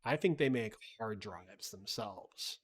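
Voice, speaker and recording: Husky and lowish, this man's voice moves slowly with lively intonation as he hosts a livestream and casually runs through the market. Chatty, blunt and profane, he reads the chat and drops "like" and "right?" constantly.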